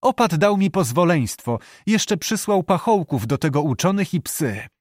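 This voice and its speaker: A man's voice: on the high side, sing-song, normal speed, dry recording, clean studio sound, voice pushed up. A man reading an audiobook, voicing a bold, cheerful young peasant girl who hunts. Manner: cheerful, teasing, girlish.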